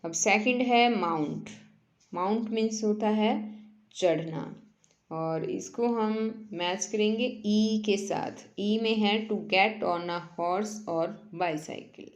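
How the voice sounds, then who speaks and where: A woman teacher, explaining a workbook lesson in Hindi and reading English lines slowly, word by word. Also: mid-range voice, roomy sound, highs cut off.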